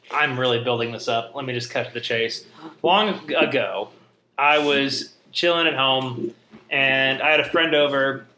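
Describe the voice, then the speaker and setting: A man's voice: mid-range voice, bright, forceful tone, echoey room, slight background noise. A young man, a podcast co-host, telling family stories in casual chat, rambling and interrupting himself with laughs.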